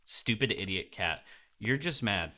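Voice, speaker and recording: Bright-voiced young male streamer. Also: on the low side, lively intonation, a little slow. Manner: loose, joking, talks to chat. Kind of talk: casual game stream chat.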